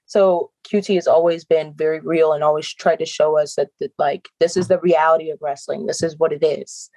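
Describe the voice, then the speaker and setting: A woman's voice: low voice, steady tone, a little fast, warm tone, no room sound, low-quality recording. A young adult woman, a professional wrestler, talking earnestly and reflectively in an interview, often breaking into laughs. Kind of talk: casual interview talk.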